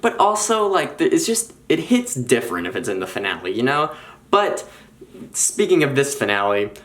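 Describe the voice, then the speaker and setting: Rambling young man vlogging. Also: mid-range voice. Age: young adult. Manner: animated, rambling, quick restarts. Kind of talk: casual chat.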